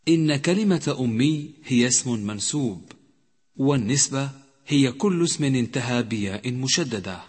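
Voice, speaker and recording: A man teaching Quran recitation, speaking directly to the listener and slowly drawing out words to show correct pronunciation. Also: medium pitch, lively intonation, slightly rough. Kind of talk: instructional lesson. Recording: long hall reverb.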